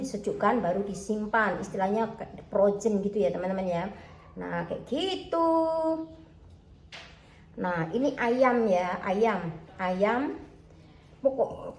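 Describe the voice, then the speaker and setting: With a medium-pitched, slightly mellow voice and a reverberant sound, an Indonesian woman chats to viewers from her home kitchen, where she vlogs about selling food. Her Javanese accent mixes with Malay, and she repeatedly says "teman-teman, ya" while talking about herself in third person.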